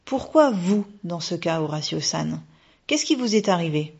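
A woman voicing an eager, polite little girl who speaks high and bright. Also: expressive, moderate pace, vocal fry, breathy edge, full character voice. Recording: dull lo-fi recording.

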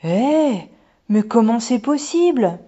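A high, bouncy little girl full of eager wonder, as a woman reads her in a storybook. The voice is husky at the edges. The recording is dull and lo-fi. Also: moderate pace, dark tone, close to an everyday voice. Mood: excited. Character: excited young Japanese girl traveler.

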